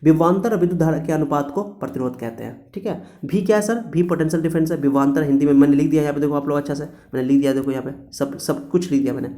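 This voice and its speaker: A man teaches a physics lesson on his terms. His voice sits a little high and sounds mellow. He drills each point by repeating it and answering his own questions. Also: quick pace, few pauses. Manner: repetitive, coaxing, asks and answers own questions. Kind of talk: classroom-style physics lecture.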